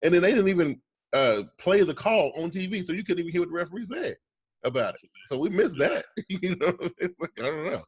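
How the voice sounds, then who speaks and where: A man's voice: high voice, sing-song, brisk, slightly rough, dry recording. A man co-hosting a casual sports podcast, talking in long runs and often checking in with "right?".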